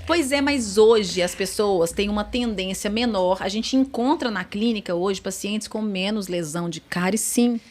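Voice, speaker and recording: A woman's voice: medium pitch, normal speed, hardly any pauses, a little mellow. A woman dentist with a Brazilian accent, chatting as a podcast guest and explaining points with everyday examples. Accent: Brazilian Portuguese. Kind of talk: casual podcast chat.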